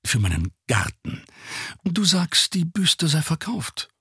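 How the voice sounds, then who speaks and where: Man doing cold sinister gentleman, icy, clipped orders, husky breathy tone, dry studio sound. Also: a little high, very animated, takes it slowly, no echo, voice pushed up, heavily acted. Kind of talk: audiobook reading.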